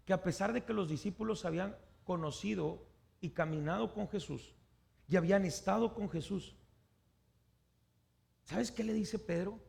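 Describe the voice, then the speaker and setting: A male preacher with a raised, high-pitched voice. His tone carries a rough, gravelly fry. He keeps turning to his listeners with questions and acts out the voices of the people in his examples. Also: normal speed, pauses often, darkish tone. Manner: asks the congregation questions and acts out the people he quotes. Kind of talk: sermon.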